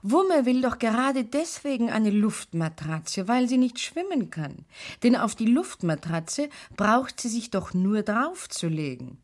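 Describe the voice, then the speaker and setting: A woman narrating a children's radio play in a calm, clear storytelling manner. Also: a little high, a little slow.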